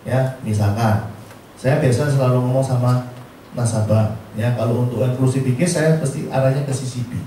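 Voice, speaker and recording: A man gives a joking, lively motivational sales talk to insurance agents, acting out the voices he quotes. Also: fairly high pitch. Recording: roomy, distant mic, faint background noise.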